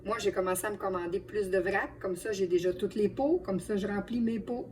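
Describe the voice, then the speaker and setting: A woman's voice: mid-range voice, a little fast, darkish tone. A woman with a Quebec French accent chatting to viewers as friends while giving a casual cooking demonstration as a home cook. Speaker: home cook and video host. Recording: distant mic, light background noise.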